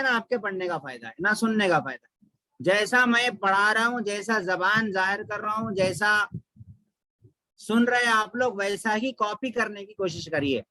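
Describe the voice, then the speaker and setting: Bright high-voiced man teaching recitation. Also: no room sound, poor audio. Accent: Pakistani Urdu. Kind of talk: recitation lesson.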